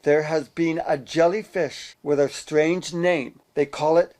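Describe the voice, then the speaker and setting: A man co-hosting a comic animal news show, delivering jokes deadpan. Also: fairly high pitch, measured pace. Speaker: co-host. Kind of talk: joking news banter.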